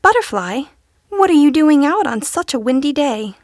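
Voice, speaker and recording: Gentle female unicorn, wistful, hopeful, dry close sound, woman reading. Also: sits high, very animated, normal speed, dry recording, pitched above the performer's own voice. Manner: hopeful, pleading.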